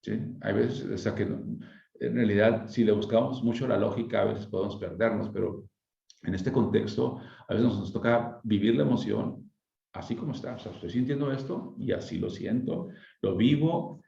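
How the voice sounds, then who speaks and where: Low, gravelly man explaining calmly. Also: normal speed. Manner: reflective, asks rhetorical questions, frequent tag questions. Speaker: speaker on emotional wellbeing. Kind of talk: conversational explanation. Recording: echoey lo-fi room sound.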